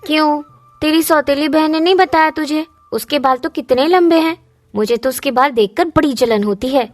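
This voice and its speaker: A woman's voice: sits high, normal speed, dry recording, soft background music, natural voice. Woman voicing a snappy gossiping teen girl. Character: gossiping teenage girl friend, quick to anger. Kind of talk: cartoon dubbing.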